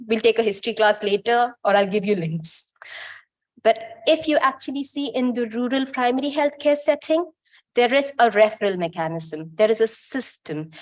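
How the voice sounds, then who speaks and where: A woman from Bangladesh gives a conference presentation in a relaxed, talkative way. She corrects herself as she goes and jokes with the audience, in a voice set a little high. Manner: informal, chatty, self-correcting.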